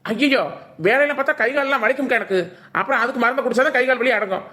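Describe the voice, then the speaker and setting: A voice artist playing a cheeky, idle, drunken younger brother in a village cartoon, with a Ramanathapuram Tamil accent. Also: male voice, very high voice, racing, pushed and bright. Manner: cheeky, playful, mock-grand.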